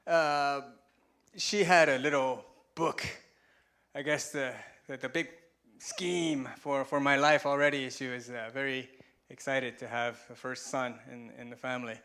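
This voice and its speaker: On a conference room stage, a man from Taiwan in his forties gives a talk with slides, keeping it chatty and poking fun at himself while laughing at his own jokes. He speaks in a mid-range voice that is a bit bright, clear, and resonant.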